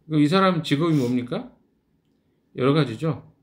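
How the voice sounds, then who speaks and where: A man's voice: fairly high pitch, animated, moderate pace. A middle-aged male pastor leading a morning devotional Bible study, talking conversationally and answering his own questions.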